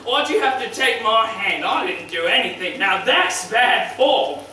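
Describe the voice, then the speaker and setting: A foul-mouthed male crocodile wrestler, maimed and grieving, played by a man in a dramatic monologue. His high, slow, bright voice lurches between swagger and raw shouted despair. It is recorded from far off in a very echoey room with a faint hum of ambience. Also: expressive, exaggerated voice. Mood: anguished.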